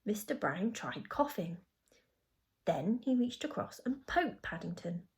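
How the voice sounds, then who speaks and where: A woman teacher reading a children's storybook aloud in an expressive storytelling manner. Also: mid-range voice, unhurried.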